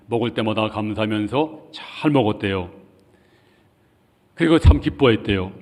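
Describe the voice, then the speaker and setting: A middle-aged man preaching a sermon as pastor, telling stories with acted quotes and building to loud, fervent preaching. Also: medium pitch. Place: church sanctuary. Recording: long church hall reverb.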